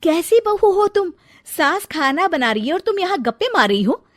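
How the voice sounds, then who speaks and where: Woman voicing a loud bossy mother-in-law from a cartoon, scolds nonstop, high swooping voice, dry sound. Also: lively intonation, normal speed. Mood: scolding. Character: bossy middle-aged mother-in-law, quick-tempered. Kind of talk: cartoon voice acting.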